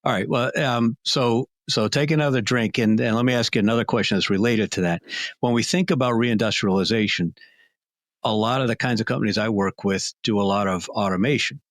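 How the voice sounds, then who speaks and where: A man hosting an interview, asking quick, conversational questions and often answering with a short "right". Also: lowish voice, dry recording. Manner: brisk, conversational, frequent "right" acknowledgments. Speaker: podcast host.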